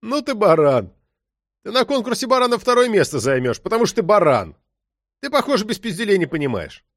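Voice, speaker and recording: A hot-headed young male detective in an audiobook, loud and cutting as a male narrator voices him. His voice sits higher than the narration, recorded close and dry. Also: lively intonation, fairly quick, dry recording. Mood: mocking aggressive. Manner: aggressive, sulky.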